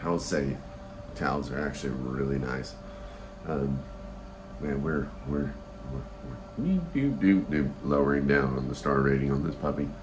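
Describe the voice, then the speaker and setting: A man's voice: very deep voice, level tone, normal speed, long pauses. A man in his forties chatting casually and bluntly in a rambling, mildly profane handheld vlog. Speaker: travel vlogger. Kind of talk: casual vlog chat, reviewing a motel room. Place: hotel rooms and hallways, indoors. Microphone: phone at arm's length. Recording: noisy handheld phone recording.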